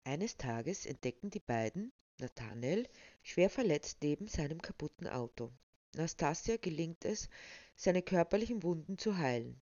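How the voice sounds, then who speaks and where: A woman presenting a novel and reading an excerpt aloud in a measured, expressive way. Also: low voice, no room sound. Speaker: book presenter and reader. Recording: slightly dull, dry sound.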